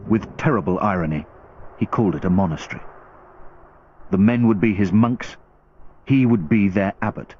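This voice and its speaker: A man's voice: on the low side, normal speed, pauses often, slight background noise. A man reading scripted, dramatic history narration for a documentary. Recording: slightly dull sound, loud music behind. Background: loud background music.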